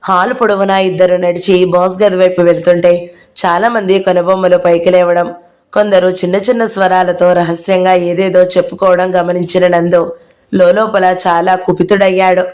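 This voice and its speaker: A woman's voice: on the low side, level tone, normal speed, darkish tone. A woman narrating a novel aloud as an audio-book reader, reading out every character herself.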